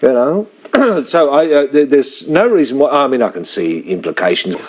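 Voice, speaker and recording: An Australian man giving a dry, deadpan mock sports interview, rambling with lots of fillers. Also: mid-range voice, moderate pace.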